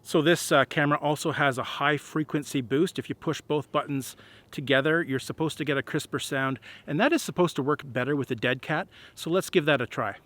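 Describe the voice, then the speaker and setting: Recorded outdoors on an on-camera shotgun microphone, a plain-spoken man explains gear in a casual review to camera. His voice is on the high side, brisk and fairly bright.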